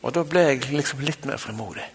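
A man's voice: mid-range voice, husky. A man with a Bergen Norwegian accent, a conference speaker giving a sermon built on a personal testimony. He tells his story directly to the audience, with frequent asides. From Bergen, Norway. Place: large meeting hall. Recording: long hall reverb.

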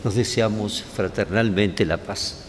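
Slow man praying in an echoing cathedral. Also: fairly low pitch. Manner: measured, pausing between short phrases. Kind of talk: solemn liturgical prayer and blessing. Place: large cathedral, indoors. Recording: echoey cathedral, long reverb, clear background noise.

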